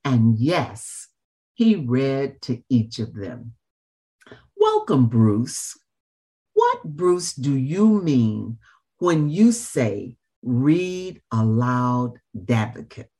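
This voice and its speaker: A woman hosting an interview in a formal, measured and emphatic manner, with deliberate phrasing. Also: a bass voice, expressive, mellow. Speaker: show host and interviewer. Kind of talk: formal scripted introduction and interview.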